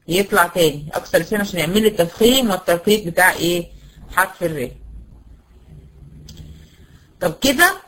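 A woman with an Egyptian Arabic accent teaching a tajweed lesson. She poses questions and answers them herself, and drills sounds slowly and patiently. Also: mid-range voice, poor audio. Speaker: Quran recitation teacher.

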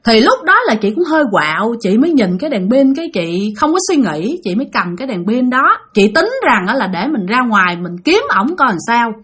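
A woman's voice: on the high side, sing-song, a little fast, few pauses, a bit bright, slightly rough. A woman with a Southern Vietnamese accent telling a spooky story in a chatty way, speaking straight to her listeners. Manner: chatty, addresses listeners directly. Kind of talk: spoken ghost story narration.

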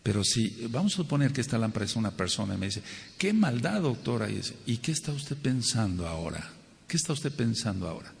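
A man's voice: on the low side, animated, quick pace, vocal fry, slight background noise. A man teaching a Torah sermon, asking rhetorical questions and repeating phrases for stress. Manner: acts out quoted people with a raised voice. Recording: long hall reverb.

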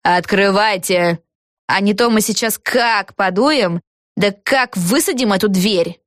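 A woman's voice: mid-range voice, fairly even intonation, clear, resonant tone, dry recording, clean studio sound, lightly acted. A woman doing a bossy villain witch. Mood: demanding. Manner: slow, demanding, shouted.

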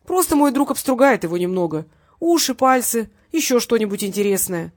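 A woman's voice: on the high side, expressive, brisk, darkish tone, no echo, clean studio sound. A woman reading a cocky male hitman who makes threats in a genial, mocking tone, in an audiobook. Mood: taunting.

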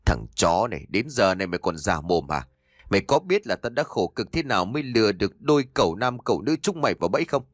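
A man voicing a cruel, vengeful young man in a ghost story, snarling insults in fast, harsh bursts. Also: on the low side, sing-song, dry recording, studio quality. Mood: furious.

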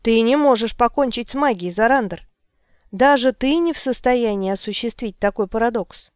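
An irritable older male wizard, read by a woman narrator in an audiobook. He speaks with indignant questions and a grumbling edge. The voice is smooth and clear, raised a little in pitch, recorded dry and close. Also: normal speed, no echo, close to an everyday voice. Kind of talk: audiobook character reading.

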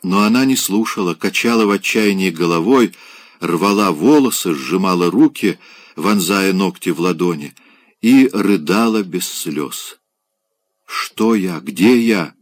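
A man reading a classic novel aloud, in measured, expressive literary narration. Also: deep voice, no echo. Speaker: audiobook reader.

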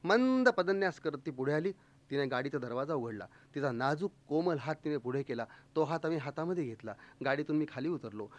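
A man spins a comic first-person tale, his voice sitting high. He tells it playfully and slips in quick voices for the people he quotes. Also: lively intonation. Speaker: storyteller. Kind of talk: humorous first-person storytelling.

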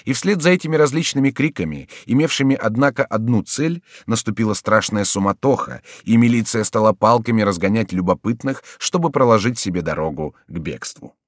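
Lively male audiobook narrator, dry sound. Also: on the low side, brisk, hardly any pauses, no echo. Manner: voices the characters in raised, shouting tones. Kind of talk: audiobook reading with acted dialogue.

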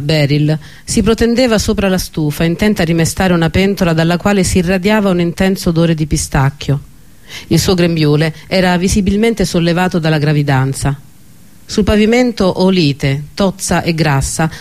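A man narrating an audiobook with a steady, expressive delivery. His voice sits on the high side for a man. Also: moderate pace.

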